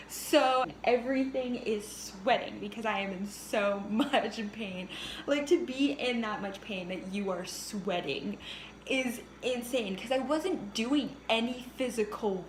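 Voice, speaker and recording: A young woman vlogger telling a casual storytime, animated and often laughing. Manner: animated, laughing often, cursing, pitch jumps when reliving the pain. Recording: echoey room with faint hiss.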